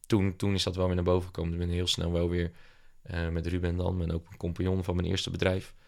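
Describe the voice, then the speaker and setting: A man's voice: sits low, monotone, quick pace, creaky. A young man, an entrepreneur, talking casually in an interview and often hesitating with fillers and restarts. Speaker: entrepreneur guest.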